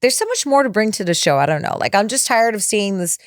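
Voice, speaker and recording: A laid-back woman chats on a talk show, hedging with fillers as she goes. Her voice is mid-pitched and recorded close and dry. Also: sing-song, quick pace, dry recording. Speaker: podcast co-host. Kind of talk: casual chat.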